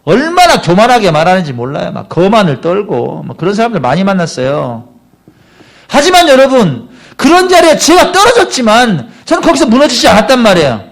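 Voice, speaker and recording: Male pastor, middle-aged, Sunday sermon, asks the congregation questions, lively pitch. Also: a little fast, gravelly. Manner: animated preaching, questions the congregation directly. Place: church service.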